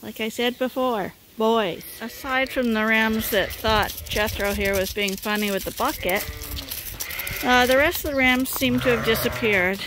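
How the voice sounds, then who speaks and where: A woman's voice: on the high side, measured pace, music in the background. A woman sheep farmer from Canada talking casually to the camera and coaxing her animals as she walks around the farm. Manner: chatty, coaxing animals, often laughing. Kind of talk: casual farm vlog narration. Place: outdoors on a snowy farm and in a barn. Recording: noisy outdoor farm recording. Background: sheep bleating and farm ambience.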